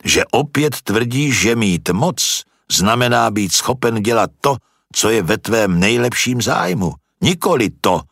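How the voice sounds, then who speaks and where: A man voicing a calm, patient old philosopher who reasons through questions, in a storybook reading. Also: medium pitch, creaky, breathy edge, no echo, studio quality, heavily acted. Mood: probing.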